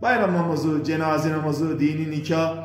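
A man's voice: on the high side, steady tone, normal speed. A man hosting a diction lesson, speaking earnestly and piously and rambling with filler sounds. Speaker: diction course host. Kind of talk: casual instructional talk. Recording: echoey room with faint music.

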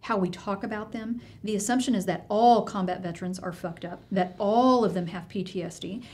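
A woman's voice: mid-range voice, fairly quick, a little mellow. A woman therapist in a casual conversation, analyzing behavior and affirming her partner often. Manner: engaged, analytical, frequent affirmations. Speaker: mental health therapist.

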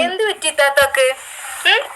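A woman doing a loud pushy younger sister. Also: sits high, expressive, normal speed, crowd noise, voice pushed up, low-quality recording. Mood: scolding. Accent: Malappuram Malayalam.

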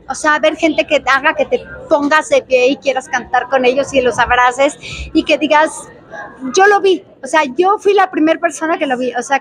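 An older woman with a Mexican accent, answering reporters in an animated, emphatic and chatty way. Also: high-pitched, rough recording. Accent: Mexican Spanish. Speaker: talent show judge, interviewee. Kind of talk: answering reporters in a press interview.

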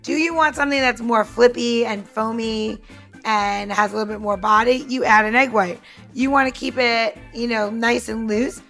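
As the bartender co-host on a podcast, a woman chats her listeners step by step through making a cocktail. Her voice is slightly high, steady, and a bit bright at a normal speed, with faint music behind.

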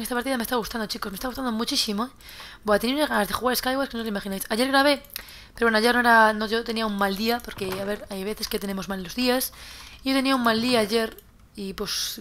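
A woman's voice: a little high, fairly bright tone. A young woman from Spain with a Spanish accent, chatting casually while playing a game and often repeating words as she loots. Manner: chatty, repeats words while looting, swears when surprised. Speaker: gaming youtuber. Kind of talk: casual gameplay commentary.

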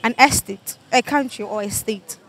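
High-voiced Ghanaian woman hosting street quiz. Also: normal speed, heavy background noise. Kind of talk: street interview. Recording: loud music over the voice. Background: loud music.

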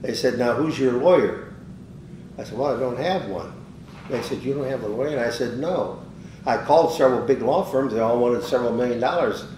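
An older man tells a long story in a loose, rambling way and acts out every quoted exchange. The voice sits a little away from the microphone in a roomy space, with a faint rumble underneath. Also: brisk, darkish tone, recorded from a distance. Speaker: interviewee, business owner. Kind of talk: casual storytelling.

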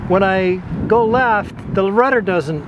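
A man's voice: high-pitched, measured pace, highs cut off. A man chatting casually while sailing a model boat, recorded on a helmet camera by the water. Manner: relaxed, chatty, thinks aloud about his boat. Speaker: model sailboat hobbyist filming with a helmet camera. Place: outdoors by a lakeside cove. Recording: wind and water noise outdoors.

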